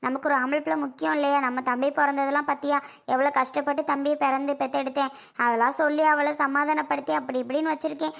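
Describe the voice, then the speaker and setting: A performer playing a talkative fretful mother, very high-pitched, sharp bright tone, family skit. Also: flat delivery, quick pace, vocal fry. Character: chatty worried middle-aged mother.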